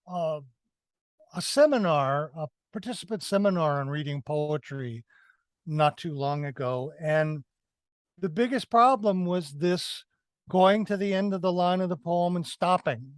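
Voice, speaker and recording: A podcast co-host reviewing films talks in a casual discussion with a fairly high, smooth voice and lively intonation. He explains things haltingly, restarting and correcting himself. The sound is very dry and close, with no room echo.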